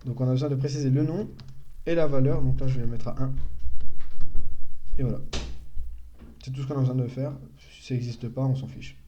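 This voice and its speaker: A young man walks viewers through programming in a relaxed live-stream tutorial. His voice is warm and mellow, at a middle pitch. He thinks aloud and often backtracks to fix what he just said. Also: brisk, pauses often, dull audio, a little hiss or hum. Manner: thinks aloud, self-correcting, chatty explanations.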